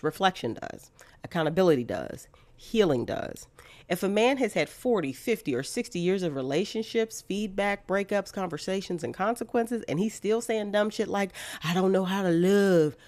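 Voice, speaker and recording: Woman relationship coach, lower voice, measured YouTube host delivery. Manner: measured, explanatory, occasionally blunt. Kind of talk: YouTube commentary.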